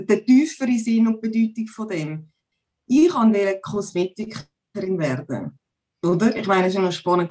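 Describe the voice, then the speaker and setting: This podcast guest, a Zurich woman in her forties, has a medium-pitched voice with a darkish quality and a Swiss German accent from her city. Talking casually on a video call from home, she leans heavily on hesitant fillers.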